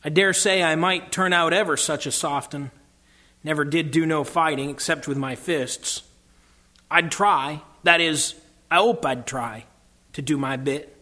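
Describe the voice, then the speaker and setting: A man voicing a humble London cab driver who drops his aitches, talks in rough working-class grammar and speaks earnestly and with deference. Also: sits high, a little slow, pushed and bright, in a large hall. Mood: hesitant.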